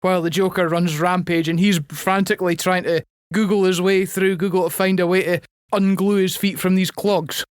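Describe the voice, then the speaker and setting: A man's voice: sits high, level tone, normal speed, clean tone, no echo, studio quality. A Scottish man co-hosting a podcast, joking and rambling through absurd tangents in casual chat. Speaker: podcast co-host.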